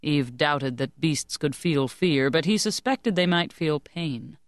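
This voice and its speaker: A woman narrates an audiobook in a measured, even storytelling manner. Her voice is smooth and resonant, set close to the mic in a dead, dry booth with no room sound. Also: low-pitched, no echo. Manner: measured, even storytelling that lifts and sharpens for shouted lines. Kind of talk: scripted narration of a historical fantasy novel. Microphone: close studio microphone.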